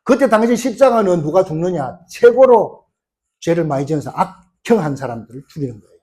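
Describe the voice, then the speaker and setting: A middle-aged male pastor delivers an emphatic sermon in a high, highly animated voice. He keeps throwing rhetorical questions at the congregation. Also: brisk, slight background noise.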